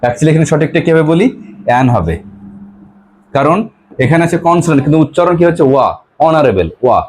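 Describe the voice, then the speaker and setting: A man's voice: fairly high pitch, darkish tone, slight background noise. A male teacher from West Bengal, teaching an English grammar lesson to a class, asking pupils questions and repeating their answers. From West Bengal, India. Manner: reads English examples slowly.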